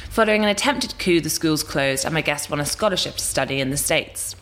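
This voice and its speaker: A woman with a low voice hosts a podcast. She reads a scripted introduction of her guest, then moves into easy, conversational questions. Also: animated, brisk, fairly bright tone, a little hiss or hum. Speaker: podcast host.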